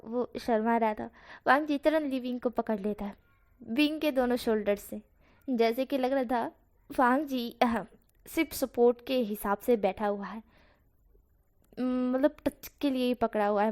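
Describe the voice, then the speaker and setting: A woman's voice: a little high, mellow. A woman casually narrating a fan fiction story in a conversational way, sometimes correcting herself.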